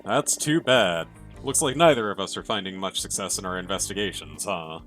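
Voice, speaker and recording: A man's voice: deep voice, moderate pace, a bit bright, faint music behind, pitched below the performer's own voice. A man voicing a chatty, encouraging detective in a video game. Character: friendly detective on a train investigation.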